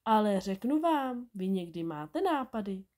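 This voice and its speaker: A woman's voice: medium pitch, sing-song, dark tone, close to an everyday voice. A woman reading a storybook aloud and voicing a rude, unshaven grown man who is a thief. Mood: gruff. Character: unshaven gruff male thief, slow and rude.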